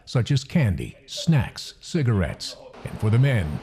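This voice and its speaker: A man reading scripted documentary narration in a measured, solemn delivery. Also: on the low side, huge pitch swings, vocal fry, crowd noise.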